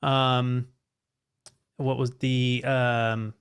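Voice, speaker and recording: A man leads a casual podcast roundtable, chatty and quick with a joke. He keeps the talk moving and asks the others to weigh in. His voice sits in a middle pitch. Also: little pitch movement, clear, resonant tone. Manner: chatty, joking, leads the discussion. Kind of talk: casual panel chat.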